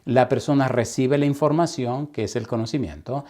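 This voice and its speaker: A man preaching as a pastor in Sabbath school, telling a story and acting out its dialogue, sometimes dropping to a hushed whisper. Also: mid-range voice, normal speed. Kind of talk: Sabbath school Bible teaching.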